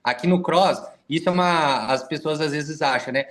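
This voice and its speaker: A young man, coaching his team in an informal, slangy, animated way. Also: a little high, moderate pace. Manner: animated, slangy, acts out quoted messages in varied voices. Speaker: wellness coach and team leader.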